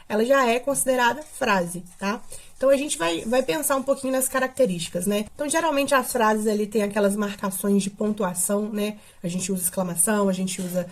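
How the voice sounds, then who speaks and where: A woman teacher, explaining a grammar lesson step by step and often adding checking questions. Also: medium pitch. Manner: explanatory, with frequent tag questions.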